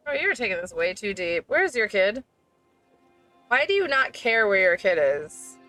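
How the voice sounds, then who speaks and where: A woman's voice: mid-range voice, big pitch swings, normal speed, sharp tone, faint music behind. A woman giving casual, exasperated and sarcastic commentary while she plays through a game. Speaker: gaming video host.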